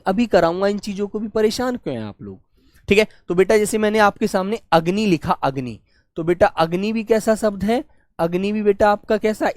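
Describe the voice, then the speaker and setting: A man teaching a grammar class for exam students, warmly coaxing and asking questions that he then answers himself. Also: high voice, no room sound. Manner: warm coaxing, calls students "beta", asks and answers his own questions; stretches key words slowly while dictating notes.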